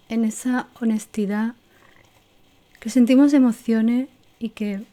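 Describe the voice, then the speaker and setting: A woman with a Spanish accent from Spain leads a gentle lesson on feelings, her voice mellow and a touch high. She talks reflectively, repeating key words and checking in with soft questions. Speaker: teacher. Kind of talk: guided emotional lesson with exercises.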